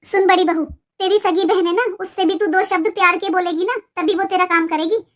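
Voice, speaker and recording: A woman's voice: very high-pitched, steady tone, brisk. A lecturing cartoon mother-in-law. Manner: lecturing, advising. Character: mother-in-law, scolding but caring grandmother. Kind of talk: cartoon voice acting.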